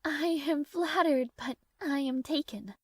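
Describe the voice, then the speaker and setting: A woman playing a high-voiced, proud young princess. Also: no room sound, clean studio sound. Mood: polite, guarded. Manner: formal, halting, hesitant, prim. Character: proud, flustered young princess with a villainess reputation. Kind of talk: romantic fantasy audio roleplay acting.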